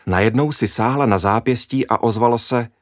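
A man reading a children's story aloud in a lively, expressive way. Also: mid-range voice, dry recording, clean studio sound.

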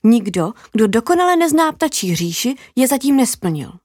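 A woman voicing a sly, teasing female magpie in a children's story, talking in a knowing, playful, drawn-out way. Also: on the high side, very animated, a little mellow, breathy edge, no room sound, studio quality.

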